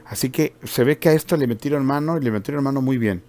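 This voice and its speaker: A man's voice: medium pitch, quick pace, a little mellow. A man who hosts a tech channel, chatting casually as he demonstrates screen-reader voices and explains what he hears. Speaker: tech channel and podcast host.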